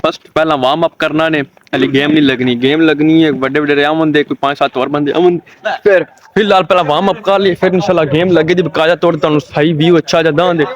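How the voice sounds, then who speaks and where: A man's voice: on the high side, fairly even intonation, a little fast, background noise. A man, chatting casually as he vlogs from an outdoor night volleyball ground on a phone camera. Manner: chatty, greets and interviews players. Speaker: vlogger. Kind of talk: casual vlog narration.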